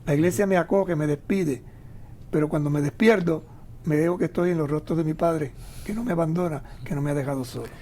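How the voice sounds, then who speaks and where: A man with a high-pitched voice leads a reflective radio talk on a psalm. He reads the verses aloud, repeats key words for emphasis and adds plain comments on each one. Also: fairly quick, warm tone. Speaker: radio co-host leading prayerful Bible reading.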